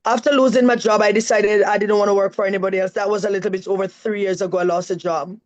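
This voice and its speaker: A woman's voice: medium pitch, steady tone, quick pace, darkish tone, poor audio. A woman with a Jamaican accent, a guest on a live-stream interview, telling her story in an earnest, emphatic way. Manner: earnest and emphatic, often adds "right?".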